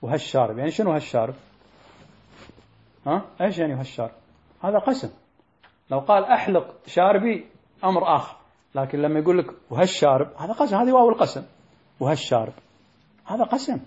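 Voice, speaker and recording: A man's voice: a little high, expressive, rapid-fire, long pauses, a little mellow. A man teaching and explaining a religious text, speaking colloquially and throwing rhetorical questions at his listeners. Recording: dull lo-fi recording.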